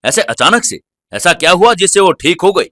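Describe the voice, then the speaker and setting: A troubled, anxious middle-aged father, as a narrator voices him in an audio story, asking questions in disbelief. The voice is a little high and bright. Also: sing-song, normal speed, dry recording, clean studio sound, exaggerated voice. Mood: incredulous.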